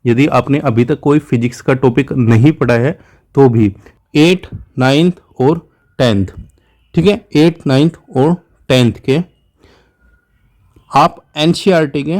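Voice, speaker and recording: Speaking slowly and pausing often, this exam-prep teacher has a mid-range, darkish voice and an Indian accent. His informal coaching lecture mixes Hindi with English terms, repeats points to instruct, and is sprinkled with brief check-in tags.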